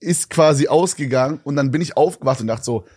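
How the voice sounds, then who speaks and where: A man's voice: mid-range voice, quick pace, darkish tone, husky, no echo, studio quality. A young man co-hosting a podcast, telling a rambling story in slangy casual chat and laughing often. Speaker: podcast co-host.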